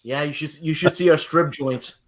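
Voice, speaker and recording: A man's voice: a little high, moderate pace. A man from Canada with a Montreal English accent, cracking jokes in a casual chat. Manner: wisecracking.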